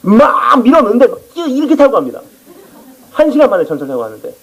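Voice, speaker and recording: Guy preaching in church, husky voice, talks fast, pitch jumps all over. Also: poor audio. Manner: animated storytelling testimony. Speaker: missionary preacher. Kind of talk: sermon.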